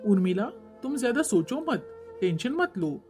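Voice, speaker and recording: Woman voicing a gentle cartoon consoler, soothing, mellow tone, faint music behind. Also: mid-range voice, sing-song, moderate pace, close to an everyday voice. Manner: soothing, advising. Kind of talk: Hindi cartoon voice acting.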